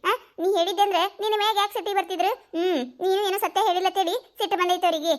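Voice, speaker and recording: A woman's voice: very high voice, fairly even intonation, racing. A woman with a North Karnataka Kannada accent voicing village women in a cartoon comedy, scolding and wailing. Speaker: voice artist for village cartoon characters.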